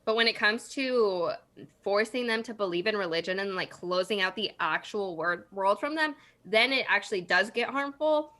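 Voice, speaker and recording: Bright-voiced young woman co-hosting a podcast. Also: medium pitch, expressive, moderate pace. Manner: blunt and swears freely. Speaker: podcast co-host. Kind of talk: casual chat. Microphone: video call.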